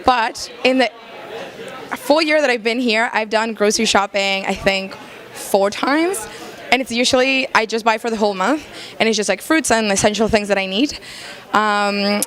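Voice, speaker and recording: A woman's voice: a little high, a bit bright. A woman of twenty-two answering interview questions chattily, with frequent fillers. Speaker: student interviewee.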